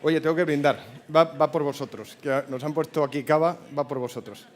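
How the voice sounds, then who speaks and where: Man in his 50s, Spain Spanish accent, speaker at a forum, animated storyteller who works the audience. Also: a little high, brisk. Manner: animated, jokes with the audience and asks it questions. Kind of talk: motivational talk with storytelling.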